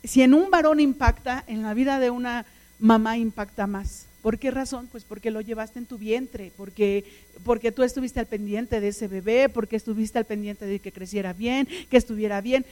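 A woman's voice: a little high, normal speed, darkish tone. A woman, preaching a sermon in an earnest, pleading way full of questions.

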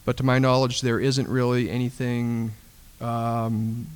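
A man speaking at a panel discussion in a measured way, with occasional fillers. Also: medium pitch, little pitch movement, clean tone.

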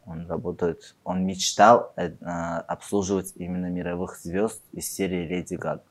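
Low-voiced man with an Uzbek accent. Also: little pitch movement, normal speed. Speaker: podcast guest, beauty industry professional. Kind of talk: conversational interview answers.

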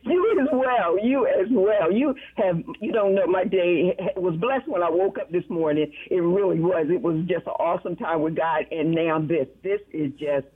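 A woman with a lilt pours out her joy over a tinny phone line, her voice husky and a little breathy. She keeps repeating herself and sounds almost breathless with excitement. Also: on the low side, moderate pace, few pauses. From Maryland, USA. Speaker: radio caller. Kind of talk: excited phone call to radio.

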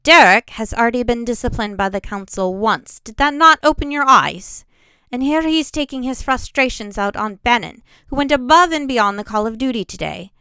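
A protective, sharp-tongued female mage master, voiced by a woman narrating a storybook, who snaps out her words with force. The tone is smooth with a bit of gravel underneath and sounds dry and close. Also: a little high, animated, normal speed, no room sound, pitched above the performer's own voice. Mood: snapping. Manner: snappish, forceful.

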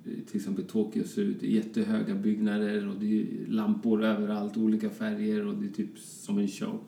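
A man from Colombia talks casually as a fashion designer guest, rambling and restarting often. His voice is low, dark and gravelly. He sounds distant in an echoey room. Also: monotone. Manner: rambling, many fillers and restarts. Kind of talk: casual interview chat. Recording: roomy echo, distant from mic.

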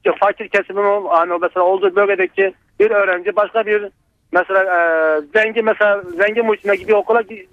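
A man's voice: sits high, steady tone, fast, dry recording. A man calling in to a radio show over a landline phone, hesitant and full of fillers. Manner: hesitant, stacks up many fillers. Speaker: radio caller. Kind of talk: call-in chat. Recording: tinny phone line.

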